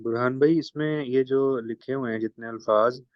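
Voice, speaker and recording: A man's voice: mid-range voice, fairly even intonation, normal speed, dry recording, lo-fi sound. A man asking questions as a student in an online class, polite and respectful toward his teacher. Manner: polite, addresses the teacher as brother.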